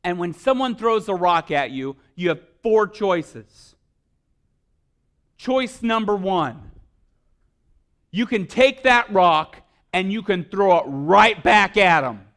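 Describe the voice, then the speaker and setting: A male pastor preaching a sermon, animated and playful, acting out little scenes and asking the congregation questions. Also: sits high, slow pace.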